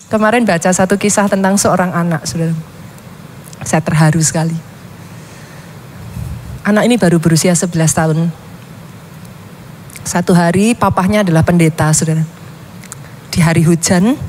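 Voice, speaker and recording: A woman's voice: lowish voice, normal speed, pauses often, a little mellow, a little hiss or hum. Dramatic storytelling woman pastor. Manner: dramatic, keeps addressing listeners as "saudara". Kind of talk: sermon storytelling.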